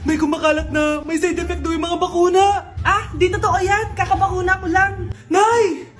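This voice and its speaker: A young woman performing comedy skits, playing every part herself, often yelling and laughing as she switches characters. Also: very high voice, steady tone, normal speed. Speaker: comedy skit creator.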